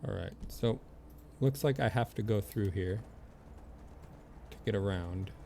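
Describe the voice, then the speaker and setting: A game streamer with a low-leaning, mellow voice and vocal fry talks at a measured pace. He gives casual, playful live commentary on his gameplay, chatting to the game's characters and swearing now and then. There's a little hiss or hum.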